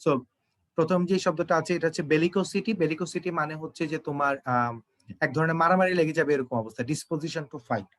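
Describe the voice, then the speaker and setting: A young man teaching English vocabulary and grammar for an exam, explaining each answer to students and reading English sentences slowly. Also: fairly high pitch, fairly bright tone. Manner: explanatory, addresses students directly, slow when reading English. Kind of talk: exam-prep English lesson.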